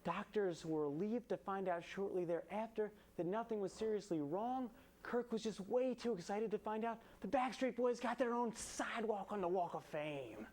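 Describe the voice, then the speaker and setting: A late-night host in his twenties delivers a punchy comedy monologue of topical jokes on a student TV studio stage with a painted skyline set. His voice is high-pitched and a little mellow, at normal speed.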